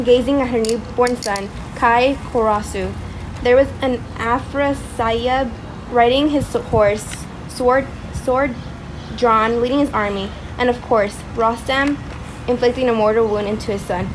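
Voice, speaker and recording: A little slowly, a student performer voices a remorseful Afghan man recalling his boyhood for readers' theatre. Her fairly high, steady voice stays close to everyday speech and carries a reflective, regretful mood, recorded in an echoey room with faint background noise.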